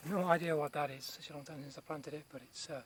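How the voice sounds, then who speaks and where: A man giving a casual, unscripted garden tour outdoors, speaking in short phrases with pauses between them. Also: on the high side, steady tone. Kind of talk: casual rambling vlog narration. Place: outdoors in a large rural garden. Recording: noisy outdoor recording with nature sounds.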